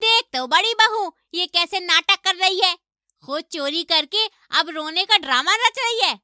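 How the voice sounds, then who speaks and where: A shrill, bossy cartoon mother-in-law, played by a woman, sneering and domineering. Her voice sits high and rings very bright and sharp. It sounds dry and close, with no room around it. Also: animated, a little slow, no room sound, full character voice. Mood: scolding. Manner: taunting, domineering. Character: harsh scolding middle-aged mother-in-law. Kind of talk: animated story voice acting.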